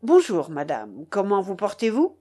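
A stout, hot-tempered old man roars his outrage in a swooping, lively voice, as a woman reader puts him on. He blusters and shouts, huffing at every slight, like a character from a storybook reading. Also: medium pitch, moderate pace, slightly rough. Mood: indignant.

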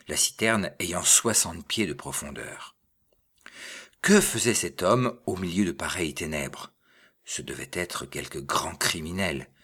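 Deep, husky man reading a story. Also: a bit bright. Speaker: narrator. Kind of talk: audiobook reading.

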